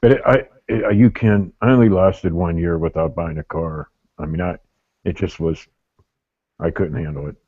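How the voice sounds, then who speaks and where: A man's voice: low-pitched, fairly even intonation, normal speed, phone-quality sound. A middle-aged man chatting casually and telling anecdotes in a group. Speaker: motovlogger in a group hangout.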